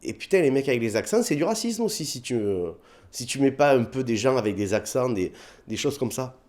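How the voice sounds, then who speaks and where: This comedian's voice sits at medium pitch and moves briskly, carrying a southern French accent. Chatting in a relaxed interview, he spins lively anecdotes, puts on voices for bits of dialogue, and leans heavily on fillers.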